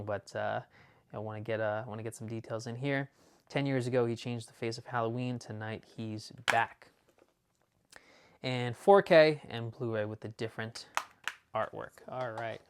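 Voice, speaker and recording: A man's voice: medium pitch, a little hiss or hum. Male collector host, casual unboxing chat, rambling and enthusiastic, heavy on fillers. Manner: talks fast at times. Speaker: movie collector showing his discs.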